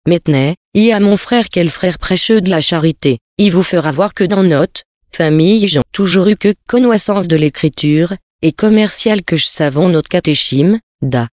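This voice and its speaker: A reader voicing a rough river boatman with a hoarse voice, telling a rambling folksy tale, recorded dry. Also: medium pitch, a little mellow, no room sound, close to an everyday voice.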